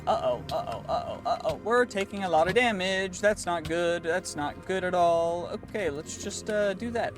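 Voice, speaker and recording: A man giving casual commentary over his own gameplay, chatty and thinking aloud with quick reactions. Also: high-pitched. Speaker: gaming channel host. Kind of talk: casual let's-play commentary. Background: clear background music.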